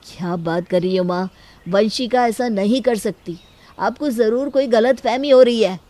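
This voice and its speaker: A woman voicing a young adult son who tries to calm his mother. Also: fairly high pitch, a little slow, noisy background, voice pushed down, close to an everyday voice. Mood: worried.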